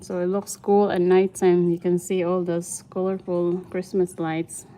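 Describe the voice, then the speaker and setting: A Filipino mother and vlogger, speaking with a Filipino accent, casually shows viewers around her house and greets them by name. Her voice sits on the low side, level and warm, and she talks a little slowly.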